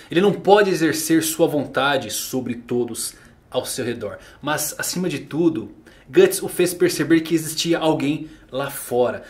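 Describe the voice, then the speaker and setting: A YouTube narrator of anime and manga tells a story in a scripted, solemn, theatrical way with a Brazilian accent. His voice is fairly high and a little mellow, with background music playing under it.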